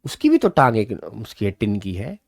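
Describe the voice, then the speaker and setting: A man's voice: fairly low pitch, no echo. Man teaching a class, dry close sound. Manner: animated, reads English lines slowly then explains them. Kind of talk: online class explaining an English story in Hindi.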